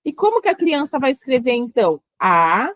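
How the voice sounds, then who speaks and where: A woman teaches a lesson, her voice sitting fairly high. She explains patiently and breaks words into slow syllables. The sound is dry and close, with no room echo. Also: big pitch swings, darkish tone. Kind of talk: online exam-prep lecture.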